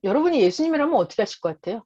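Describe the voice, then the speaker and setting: A woman's voice: on the high side, very animated, very fast, warm tone, breathy edge, muffled recording. A woman teaching through a Bible passage, reading verses and asking her listeners rhetorical questions.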